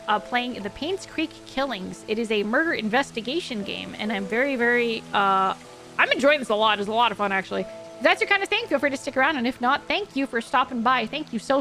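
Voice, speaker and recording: High, bright-voiced woman streaming games. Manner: chatty, expressive, informal. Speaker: horror game streamer. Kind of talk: casual live game-stream commentary.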